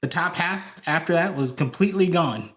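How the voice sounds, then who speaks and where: Over a loud crowd, a man with a fairly high voice talks at a moderate pace. He's a Hawaiian church video director guesting on a podcast, telling meandering stories packed with fillers and restarts in casual interview chat.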